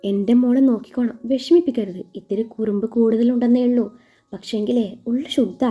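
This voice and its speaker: A woman voicing an aging father who speaks in a slow, heartfelt way in a read-aloud story. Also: on the high side, steady tone, natural voice. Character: aging father, emotional and grateful. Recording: muffled recording with soft music.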